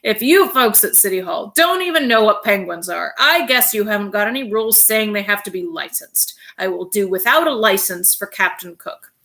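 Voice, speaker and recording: An earnest family man from a children's book who is quick to get indignant. A woman voices him with a bright, slightly raised voice. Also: medium pitch, animated. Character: exasperated middle-aged family man.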